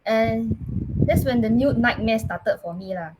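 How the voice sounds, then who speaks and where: Singaporean woman, earnest, noisy recording. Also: fairly high pitch. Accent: Singaporean English. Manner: earnest, halting, restarts words often. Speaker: podcast guest. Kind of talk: personal storytelling in casual chat.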